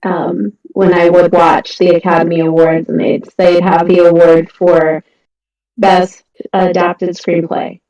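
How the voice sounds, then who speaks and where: A middle-aged woman, an indie author, talks casually and earnestly about her writing, full of ums and restarts. Her voice sits fairly low, with little pitch movement, a measured pace and a mellow quality. She's at home on a voice call through a computer mic, and the audio is echoey, distant and muffled.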